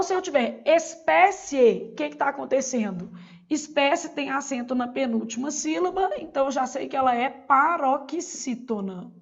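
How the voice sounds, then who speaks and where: A woman's voice: sits high, gravelly, muffled recording. A Brazilian woman teaching a Portuguese exam-prep lesson, asking questions and answering them herself. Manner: didactic, asks and answers her own questions.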